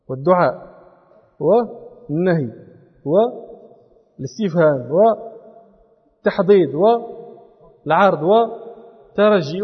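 A man's voice: high voice, husky. A man teaching a class on religious law and grammar, explaining step by step and quizzing his students. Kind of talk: classroom lecture. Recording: lo-fi recording in a reverberant hall.

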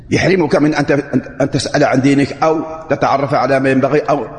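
Male preacher, fairly high voice, sermon read aloud with asides in dialect, long hall echo. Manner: reads a prepared text, then explains it in colloquial dialect.

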